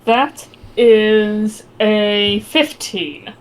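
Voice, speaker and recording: A woman playing in a tabletop game, relaxed and conversational. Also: medium pitch, extremely slow, clear, resonant tone. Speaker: player. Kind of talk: tabletop role-play.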